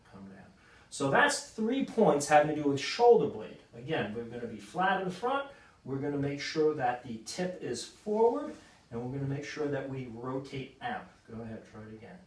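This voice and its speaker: A man, a sports injury doctor, explaining an exercise and coaching a client through repetitions. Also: mid-range voice. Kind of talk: exercise demonstration. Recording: roomy echo, mic at a distance.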